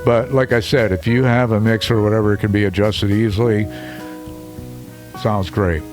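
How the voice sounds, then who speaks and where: A chatty, deep-voiced man reviews a studio microphone to camera, talking loosely with frequent fillers at normal speed and little pitch movement. Music plays under him during this casual product review.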